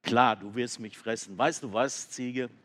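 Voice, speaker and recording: Gelassene Giraffe, herablassend und unbeeindruckt, vom Erzähler gesprochen. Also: male voice, mid-range voice, fairly even intonation, unhurried, a bit bright, in a large hall, close to an everyday voice. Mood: dismissive. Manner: patronizing, unbothered. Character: calm, dismissive female giraffe.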